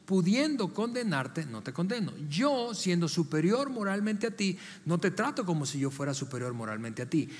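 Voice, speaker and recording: A man with a high voice preaches a sermon to his congregation in a church auditorium. He talks to them like a conversation, putting direct questions to them and often restarting his words. His voice carries a long reverb from the large hall. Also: fairly bright tone. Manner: frequent restarts and repeated words. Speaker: pastor.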